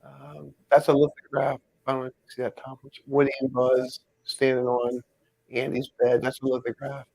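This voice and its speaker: A man's voice: medium pitch, monotone, normal speed, gravelly, darkish tone, dry recording, poor audio. A man chatting casually about his collection, rambling and thinking aloud as he works. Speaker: pin collector host. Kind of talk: casual chat while hanging pins.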